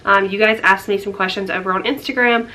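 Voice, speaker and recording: A woman's voice: mid-range voice, fairly even intonation, fairly quick, pushed and bright. A young woman chatting through a casual life update vlog, a little out of breath and rambling with lots of fillers. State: slightly out of breath. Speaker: vlogger.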